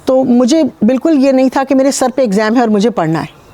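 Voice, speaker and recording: A woman from Pakistan, a spiritual healer, calmly recounting her own experiences in an interview with measured pauses. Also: high voice. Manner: calm, measured storytelling with frequent pauses.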